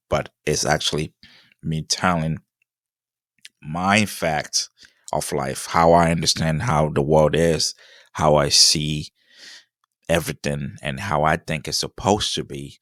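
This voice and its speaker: A man's voice: a bass voice, a bit bright, no echo, studio quality. A young man, hosting a solo podcast in a rambling, hesitant way with many restarts and fillers. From Ghana. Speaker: podcast host.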